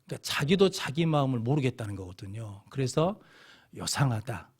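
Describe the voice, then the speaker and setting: A middle-aged pastor with a Jeolla Korean accent tells stories in a church sanctuary sermon and keeps asking his congregation questions. His mid-range voice swings widely in pitch, and he speaks a little fast with a slightly mellow, breathy edge.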